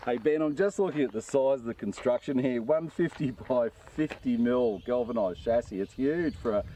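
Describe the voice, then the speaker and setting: A man's voice: medium pitch, moderate pace, warm tone, a little hiss or hum. A middle-aged Australian man chatting casually outdoors about a product, with the blokey, matey manner of an Aussie tradesman. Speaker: presenter of a camper showcase. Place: outdoors on open ground by a camper.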